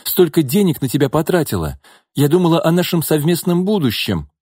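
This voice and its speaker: A desperate jilted young woman, as a male reader puts her on, pleading and shrill in an audiobook. Her voice jumps high and swings widely. The recording is dry and close. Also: very animated, brisk, a little mellow, slightly rough, no echo. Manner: shrill, pleading, emotional outbursts.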